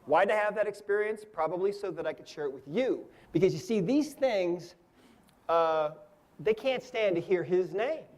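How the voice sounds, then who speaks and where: A man in his fifties with a fairly high voice tells a long story as part of a lesson. His talk is relaxed and conversational. He keeps checking in with his listeners with a quick "right?" or "okay?". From United States. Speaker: energy healing teacher. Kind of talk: storytelling lecture.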